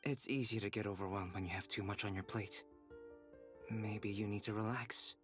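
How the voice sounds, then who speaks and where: A man voicing a calm, formal advisor. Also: lowish voice, normal speed, soft background music, natural voice. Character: calm composed male advisor, polite and formal. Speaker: game character. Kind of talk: video game voice acting.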